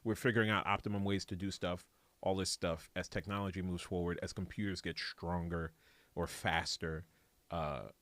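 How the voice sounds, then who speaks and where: A man's voice: low-pitched, steady tone, normal speed, fairly bright tone, dry recording. A man co-hosting a podcast, ranting in mock anger about an old woman and then explaining video game history in casual banter. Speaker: podcast co-host presenting the topic.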